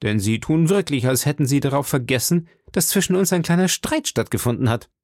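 A man's voice: a little high, lively intonation, fairly quick, a little mellow, no echo, studio quality, voice pushed up. A man voicing a young, hot-headed male swordsman who speaks in a raised, courtly but challenging manner, from a storybook reading. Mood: defiant gallant.

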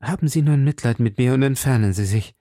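A man's voice: medium pitch, brisk, dark tone, no room sound, clean studio sound, natural voice. A man reading an audiobook, voicing an anxious, imploring queen in raised exclamations. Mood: pleading. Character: anxious pleading woman, a queen.

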